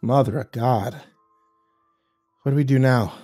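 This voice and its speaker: A man's voice: fairly high pitch, animated, moderate pace, warm tone, faint music behind, voice pushed up, natural voice. A man doing a nervous, frightened soldier. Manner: nervous, strained.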